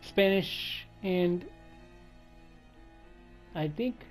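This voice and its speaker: A man's voice: high voice, drawn-out words, soft background music. Chatty man narrating a game menu. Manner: chatty, reads menus and counts items aloud. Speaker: let's play host. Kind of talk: casual gameplay commentary.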